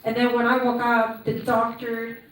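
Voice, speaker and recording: A woman's voice: fairly high pitch, monotone, normal speed. A woman in her thirties from Peru, telling her personal story as a conference speaker in a chatty, upbeat way, often tagging on "right?". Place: conference hall. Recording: echoey hall, mic from a distance.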